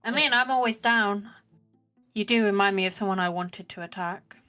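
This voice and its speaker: Female game player. Crisp, bright tone, casual bantering delivery with some role-play, music underneath. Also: medium pitch, normal speed.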